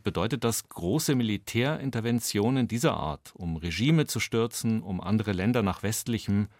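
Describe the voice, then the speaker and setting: A man's voice: fairly low pitch, no room sound. A male radio host asking formal, composed questions in a studio interview. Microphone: studio microphone.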